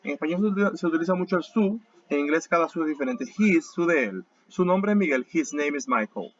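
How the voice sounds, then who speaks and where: A man teaching a class in a voice that sits somewhat high, with a dull, lo-fi sound. He explains each point step by step and goes over key words slowly and more than once. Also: lively intonation. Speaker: English teacher. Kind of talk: online class lecture.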